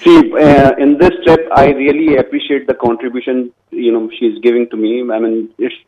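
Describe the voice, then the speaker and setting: A man's voice: medium pitch, little pitch movement, normal speed. Man on a dull line, crowd behind. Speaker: radio guest, road trip driver. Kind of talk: casual radio interview. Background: clear crowd chatter.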